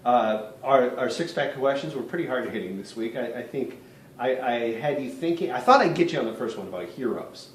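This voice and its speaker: A man's voice: mid-range voice, expressive, fairly quick, distant mic. A man co-hosting a podcast in casual chat, talkative, often stumbling and repeating words. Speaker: podcast co-host. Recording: roomy, a bit off-mic, faint noise.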